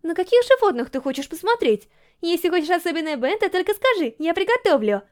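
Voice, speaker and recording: A woman reading aloud, voicing an eager, shy teenage schoolgirl who chatters excitedly. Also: very high voice, fast talker, pitched above the performer's own voice.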